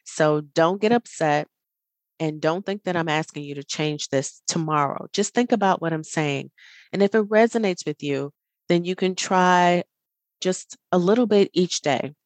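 A woman's voice: fairly low pitch, a little slow, dry recording. A woman hosting a self-help podcast, talking straight to the listener in an earnest, encouraging way with a smile in her voice. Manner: smiling as she speaks. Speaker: podcast host. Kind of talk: reflective self-help monologue.

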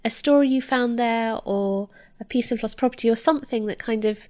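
A woman's voice: fairly high pitch, brisk, a little mellow. A woman hosting an interview, friendly and agreeing, asking long searching questions. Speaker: interviewer, host. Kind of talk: conversational interview.

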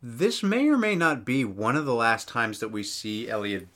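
Bright-voiced, chatty male podcast host. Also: medium pitch, sing-song, normal speed. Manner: chatty, rambling, many fillers. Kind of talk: casual sports chat.

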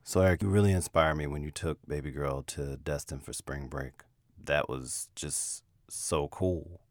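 A man voicing his ex-wife as she gushes in a rambling, chatty way about a trip, in a very deep voice. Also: measured pace, no echo, clean studio sound. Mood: gushing.

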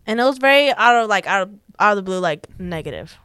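A woman's voice: medium pitch, animated, fast talker, a bit bright, clear, resonant tone, no echo, studio quality. A young woman, a podcast guest telling a personal story in a chatty way, full of "like" and quoted dialogue. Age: young adult. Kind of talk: casual storytelling.

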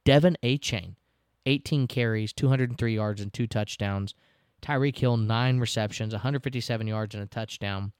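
A man's voice: lowish voice, moderate pace, darkish tone, clear, resonant tone, no echo, clean studio sound. A man, hosting a casual sports podcast, recapping games in a chatty, self-deprecating way and laughing now and then.

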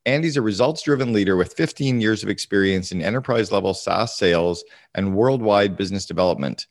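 A man's voice: fairly low pitch, brisk, no echo, studio quality. A man hosting a podcast, asking questions in a casual, upbeat way. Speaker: podcast host. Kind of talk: interview conversation.

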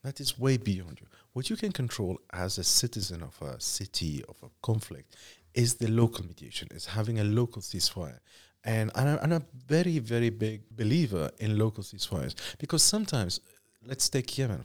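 A middle-aged man from Iraq, a journalist guest, answering in measured, reflective sentences that list examples and sometimes restart. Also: fairly low pitch, animated.

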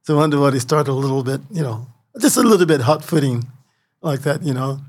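An older man from the Midwestern United States, a guest telling lively stories with frequent laughter and lots of "you know.". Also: fairly high pitch, fairly quick, slightly rough. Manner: animated storyteller, laughs often, many you-knows. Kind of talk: casual storytelling interview.

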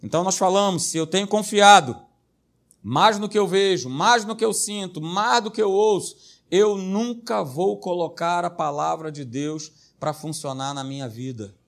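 High-voiced, emphatic pastor. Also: male voice, moderate pace, gravelly. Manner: emphatic and repetitive, hammering single words, joking asides. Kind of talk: sermon.

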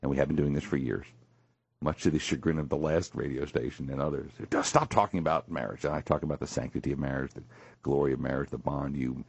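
A male radio show host in a morning talk show, animated and jokey, with a husky voice. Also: quick pace, no room sound. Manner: animated, jokey, swings high for emphasis. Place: radio studio.

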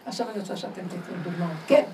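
A woman giving an animated religious lecture to a women's group, laughing often and putting emphatic questions to her listeners. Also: fairly low pitch. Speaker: spiritual teacher. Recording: roomy sound from far off, faint noise.

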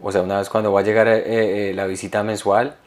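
A young man with a lowish voice co-hosts a relaxed comedy podcast. He talks in a wry, teasing way and keeps chiming in with quick agreement. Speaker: podcast co-host. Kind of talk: casual comedic chat.

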